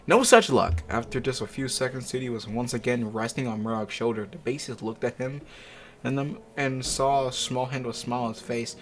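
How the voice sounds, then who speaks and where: A man reads amateur fanfic fairly quickly, his mid-range voice keeping fairly even intonation, with music in the background. He pauses to offer slangy, profane, incredulous commentary.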